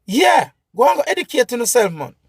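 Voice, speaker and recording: A man's voice: very high voice, big pitch swings, normal speed, gravelly, breathy edge, dry recording, studio quality. A man with a Jamaican accent giving an impassioned, repetitive political rant as a vlogger.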